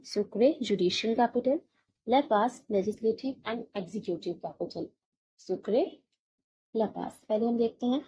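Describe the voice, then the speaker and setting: A woman's voice: a little high, dark tone, slightly rough, lo-fi sound. A woman teaching an exam-prep lesson, explaining memory tricks and repeating each one several times.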